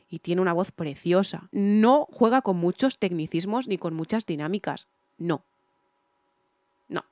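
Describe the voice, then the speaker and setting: A woman's voice: fairly low pitch, no echo, studio quality. Emphatic woman. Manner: repetitive, emphatic, repeats phrases for stress. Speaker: singer reviewing songs. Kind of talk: casual reaction and vocal analysis. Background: faint music from the reacted song.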